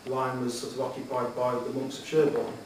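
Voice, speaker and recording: A middle-aged man speaks earnestly and a little hesitantly, answering formal interview questions. His voice rings around a very echoey hall, picked up from a distance with clear noise behind it. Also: medium pitch, monotone, fairly quick. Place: echoey meeting room, addressing the room.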